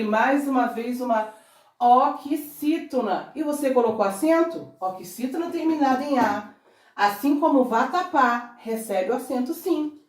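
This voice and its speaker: A woman's voice: on the high side, a little mellow. A Brazilian woman teaching a recorded grammar lesson to children, coaxing and drawing out words syllable by syllable. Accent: Brazilian Portuguese. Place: classroom at a board. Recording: roomy sound, from a distance.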